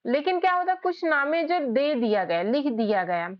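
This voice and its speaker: A woman teaching English spelling in a casual lesson, explaining slowly letter by letter. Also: sits high, sing-song. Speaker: English tutor. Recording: slightly dull lo-fi sound.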